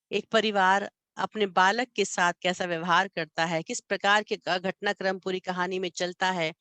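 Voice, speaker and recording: A woman reading a literary short story aloud with expressive, measured narration and adding her own commentary. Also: medium pitch, dry recording. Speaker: literature channel reader.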